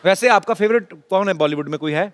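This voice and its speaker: Playful high-voiced male talk show host. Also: quick pace. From Punjab, India. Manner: teasing, playful, chuckles while talking. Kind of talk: joking stage banter with guests. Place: TV studio before a live audience. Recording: studio audience laughter and noise.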